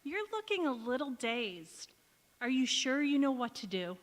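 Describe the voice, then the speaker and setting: On a live community theatre stage in a large, echoey indoor hall, a woman performs golden-age radio sitcom acting. She plays a high-voiced, bossy best-friend housewife who is brisk, supportive, wry and folksy, speaking at a measured pace with big pitch swings and an encouraging mood.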